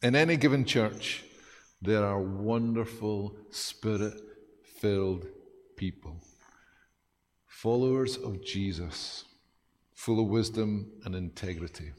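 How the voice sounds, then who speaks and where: A man preaching a sermon as pastor, lively and self-deprecating, with dramatic pauses. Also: on the low side, long reverb tail.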